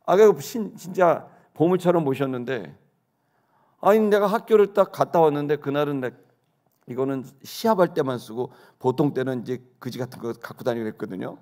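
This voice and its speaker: A middle-aged man telling a childhood story, acting out the quotes with sudden shouts and hushed asides. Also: a little high, animated, a little fast. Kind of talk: animated storytelling.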